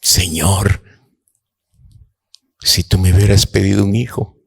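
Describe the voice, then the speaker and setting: A man preaching a sermon to his congregation, slow and dramatic, rising to impassioned outbursts. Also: low voice, fairly even intonation, gravelly, breathy edge. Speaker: apostle, preacher.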